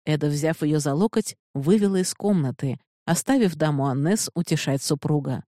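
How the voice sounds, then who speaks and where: A woman narrates an audiobook in a measured, even reading voice. Her voice is low and warm, and the sound is dry and close to the mic. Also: no room sound. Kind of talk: scripted narration.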